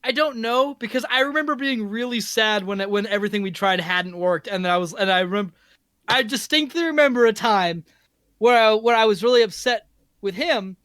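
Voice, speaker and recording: A man's voice: high-pitched, a little fast, fairly bright tone, no echo, studio quality. A man co-hosting a podcast, telling stories in casual chat, rambling and correcting himself as he goes. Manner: rambling storytelling with frequent laughs and self-corrections. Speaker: podcast co-host.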